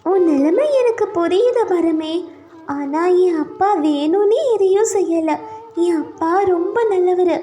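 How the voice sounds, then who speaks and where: A woman's voice: very high-pitched, dark tone, voice pushed up. A woman voicing a sweet, stubborn little girl in a cartoon story, eager and coaxing.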